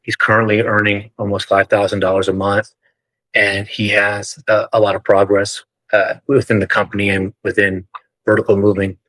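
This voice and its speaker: A man arguing formally in court as a defense attorney, measured and deferential to the judge. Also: fairly low pitch, flat delivery, fairly bright tone, no echo, rough recording.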